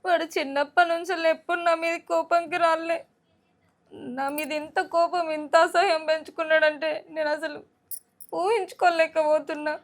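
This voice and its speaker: An actress with a Telangana Telugu accent playing a young pregnant wife who pleads and weeps. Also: female voice, very high-pitched, steady tone, normal speed. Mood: tearful. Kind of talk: village short film acting.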